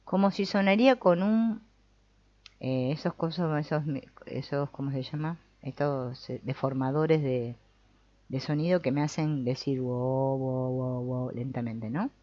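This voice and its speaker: A woman explaining exercises in an online course, conversational and often tagging phrases with a questioning "no?", pausing now and then to search for a word. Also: low voice. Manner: pauses to search for words and corrects herself. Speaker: course instructor. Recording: dull, slightly muffled recording.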